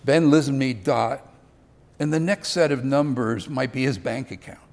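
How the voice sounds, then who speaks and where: A man's voice: medium pitch, moderate pace, gravelly, darkish tone. An older man giving a conversational sermon, with self-deprecating asides. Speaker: preacher.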